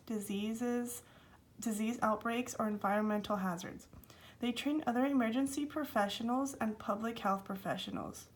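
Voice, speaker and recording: A young adult woman delivers a student presentation in a somewhat high voice. She follows a script but slips into informal, slightly hesitant explanation.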